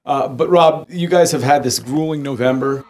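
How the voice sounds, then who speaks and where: A man's voice: medium pitch, normal speed, a little mellow. A man interviewing players after a game, asking long, wordy questions. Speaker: team media interviewer. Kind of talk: postgame press questions.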